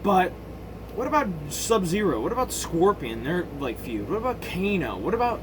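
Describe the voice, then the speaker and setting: A video game movie commentator with a slightly high, sing-song voice delivers casual, opinionated remarks off the cuff. He's halting, interrupting himself, restarting and circling back to rephrase, using blunt slang and swearing, with clear background noise underneath.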